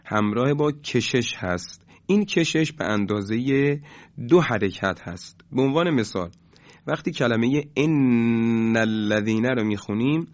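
A man teaching Quran recitation in a recorded lesson, his voice sitting at an ordinary middle pitch. He explains each point in a measured, patient way, with hesitant fillers between phrases. The recording sounds dull and lo-fi, with the top end muffled. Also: animated.

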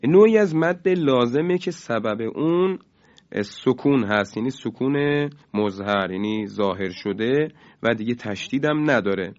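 Measured male radio tajweed teacher. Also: mid-range voice, expressive, lo-fi sound. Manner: measured, draws out key terms slowly, chants example words louder. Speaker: Quran recitation teacher on radio. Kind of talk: radio lesson.

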